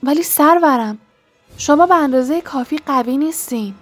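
A woman voicing a strained, nervous man who serves a dark master, in a storybook reading. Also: sits high, faint music behind, pitched above the performer's own voice, natural voice. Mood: anxious. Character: nervous stammering male teacher serving a dark master.

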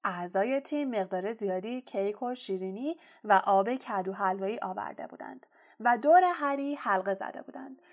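A woman narrating a storybook aloud in a steady, expressive reading voice. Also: medium pitch. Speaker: audiobook narrator.

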